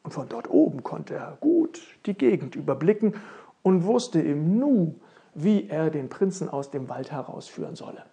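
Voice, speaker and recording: A storyteller reading a fairy tale aloud slowly, with stretches dropped to a soft whisper. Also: mid-range voice, big pitch swings, vocal fry.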